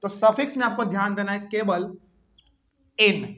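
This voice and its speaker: A man's voice: sits high, normal speed, fairly bright tone. Hindi-speaking man teaching chemistry. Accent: Bihari Hindi. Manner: explains step by step, asks the class questions. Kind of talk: whiteboard chemistry lesson.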